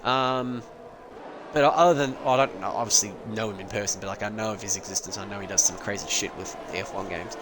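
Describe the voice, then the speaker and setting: A man's voice: fairly low pitch, quick pace, noisy background. A young man giving loose, rambling live commentary on an online sim race, joking and swearing as he goes. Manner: casual, rambling, swears and laughs.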